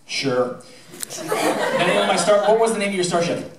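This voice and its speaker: Filmed from the audience, a middle-aged man speaks informally on stage as a high school theatre director, sharing anecdotes and thanks in an animated, projecting voice that sits high, at a moderate pace. His handheld mic runs through the PA; the distant, roomy recording has heavy background noise.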